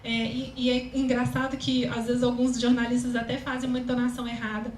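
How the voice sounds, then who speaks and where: A woman with a Brazilian Portuguese accent speaks to a live audience as a communication consultant. Her voice is high and thin, and her talk is chatty and full of fillers. The recording carries room echo and a faint ambient hiss. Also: level tone, fairly quick. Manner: chatty, many fillers, laughs often. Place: event hall, live audience.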